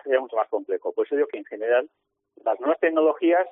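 A male archaeologist interviewed over the phone on the radio, speaking haltingly with frequent restarts. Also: mid-range voice, expressive, no room sound. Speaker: municipal archaeologist. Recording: tinny phone line.

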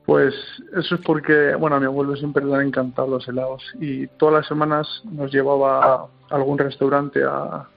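Young man, gravelly, husky, hesitant, interview guest. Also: medium pitch, flat delivery, moderate pace, hardly any pauses, lo-fi sound, soft background music. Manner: hesitant, many restarts, emotional. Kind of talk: casual storytelling in interview.

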